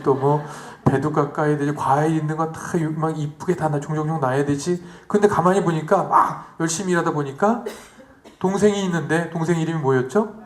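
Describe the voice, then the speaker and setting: Male priest, higher-pitched voice, playful retreat preaching with many questions to the congregation, roomy echo. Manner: lively, asks the audience questions, acts out the story in quoted voices. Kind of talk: retreat sermon.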